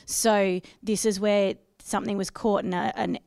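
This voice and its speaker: Smooth-voiced woman explaining banking. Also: medium pitch, little pitch movement, measured pace, a little mellow, dry recording, studio quality. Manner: explanatory, with frequent ums. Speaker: banking industry panelist. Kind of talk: panel discussion.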